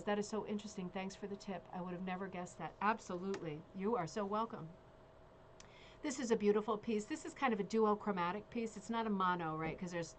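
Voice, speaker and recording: A woman hosting a casual live craft show as bingo caller, chatting with frequent check-ins and reading out details. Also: medium pitch. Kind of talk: casual live show chat with read-out descriptions. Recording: clearly audible background noise.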